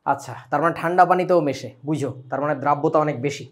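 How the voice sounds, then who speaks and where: A young man with a Bangladeshi Bengali accent teaching a chemistry class online, lively and full of questions to his students. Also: a little high, rapid-fire. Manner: lively, asks students questions often, mixes English words.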